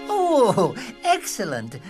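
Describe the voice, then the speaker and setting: Fussy cartoon Rabbit, wildly swooping voice. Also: male voice, high voice, wildly swooping pitch, darkish tone, exaggerated voice. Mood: instructive, pleased. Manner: precise, instructive, exclaiming, slow and deliberate. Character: fussy, patient, grown-up male rabbit teaching counting. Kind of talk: animated children's cartoon acting. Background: music.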